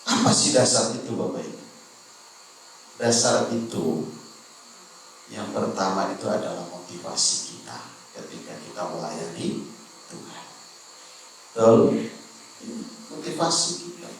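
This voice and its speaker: A man preaching a sermon, telling a lively anecdote and speaking directly to the congregation. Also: low voice, a little slow, vocal fry, long pauses, a little hiss or hum. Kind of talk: storytelling sermon. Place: church hall. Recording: echoey church hall, mic from far off.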